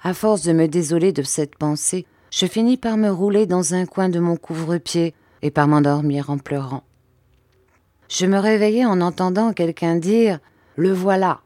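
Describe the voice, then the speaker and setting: A woman reads a classic novel aloud in steady, expressive scripted narration. Her voice sits fairly low and even. The recording is dry and close, with no room sound. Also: moderate pace, no room sound. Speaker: audiobook reader.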